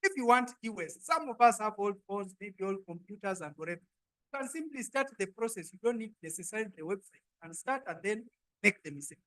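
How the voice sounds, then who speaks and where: A woman hosting a live pitch competition, exhorting the audience and repeating her instructions. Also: lively intonation, fairly quick, poor audio. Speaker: event host and emcee. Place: live event before an audience.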